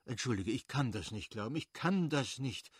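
A man voicing a good-natured, effusive middle-aged nobleman who pleads warmly with his brother-in-law. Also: medium pitch, expressive, moderate pace, husky, no echo, studio quality. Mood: effusive pleading. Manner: warm, effusive, imploring.

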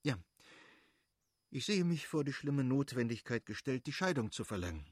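A man voicing a cold, formal middle-aged official who speaks in measured, distant sentences. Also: medium pitch, big pitch swings, a little mellow, husky, no echo, clean studio sound.

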